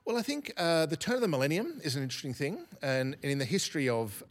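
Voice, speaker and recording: A man speaking as a guest academic in an interview, reflective and unhurried, often restarting his sentences. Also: fairly high pitch, expressive. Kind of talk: thoughtful podcast interview.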